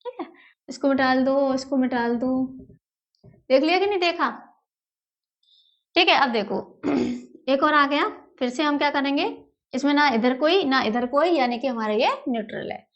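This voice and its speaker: A woman's voice: sits high, dull audio. A woman teaching chemistry at a whiteboard, affectionately calling her students "beta", repeating key terms and answering her own questions. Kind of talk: whiteboard lesson, explaining step by step.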